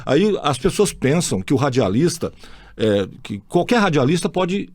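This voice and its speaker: A Brazilian man hosting a relaxed conversation, his voice sitting a little high and swinging widely in pitch as he tells stories. He talks bluntly, curses without a second thought and acts out each side of the exchanges he recalls. The sound is close and dry. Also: moderate pace, dry recording. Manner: blunt, swears freely, acts out anecdotes. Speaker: podcast host. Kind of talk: casual chat.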